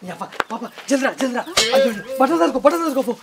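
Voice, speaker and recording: A young man with a Telangana accent acting in a village comedy sketch, loud, exasperated and bossy. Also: very high-pitched, expressive, racing, very noisy. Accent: Telangana Telugu. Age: young adult. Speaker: comic lead, newly married husband.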